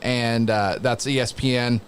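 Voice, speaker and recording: American male, mid-pitched voice, wrestling announcer in relaxed podcast conversation, faint background noise. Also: unhurried. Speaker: wrestling announcer and radio veteran, interview guest. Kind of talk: casual chat, telling career anecdotes. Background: background noise, wrestling show playing on a TV.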